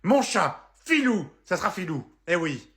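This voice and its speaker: A man's voice: high voice, sing-song, measured pace, a bit bright, heavily acted. A man voicing a spiteful, foul-mouthed old grandmother who scolds and insults her family in a comedy sketch. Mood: gloating.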